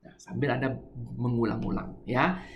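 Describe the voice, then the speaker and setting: A man's voice: mid-range voice, steady tone, moderate pace, roomy sound, muffled recording, a little hiss or hum. A middle-aged man giving a spiritual lecture, explaining a poem line by line and having listeners repeat words. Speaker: spiritual teacher.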